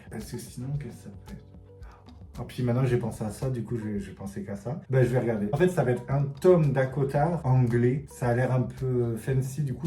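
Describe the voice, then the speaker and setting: A man hosting a casual book cover quiz vlog, thinking aloud and often trailing off softly. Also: medium pitch. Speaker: book vlogger. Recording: roomy echo, faint background music.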